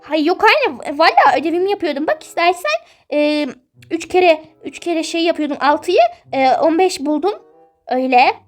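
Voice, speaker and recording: A woman's voice: extremely high pitch, expressive, moderate pace, faint music behind. A woman voicing a dreamy, defensive teenage girl in a toy-game role-play, whiny and protesting.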